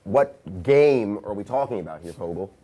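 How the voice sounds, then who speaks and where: Man as a sardonic office guy, animated pitch. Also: normal speed. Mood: sarcastic. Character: bewildered, sarcastic slacker office worker, grieving his friend. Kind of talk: comedic audio-drama dialogue.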